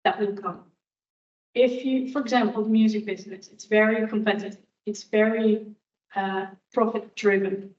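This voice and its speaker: A woman's voice: medium pitch, a little mellow. A woman guest speaker answering audience questions in a candid, reflective way. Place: university lecture hall. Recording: echoey hall, distant dull room mic.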